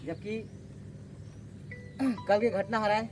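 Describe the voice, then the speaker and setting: A man's voice: high voice, fairly even intonation, slow pace, over music. A man with a Chhattisgarhi accent announcing at an outdoor protest and calling supporters to join the sit-in. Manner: rallying, calls supporters to come. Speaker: protest organizer.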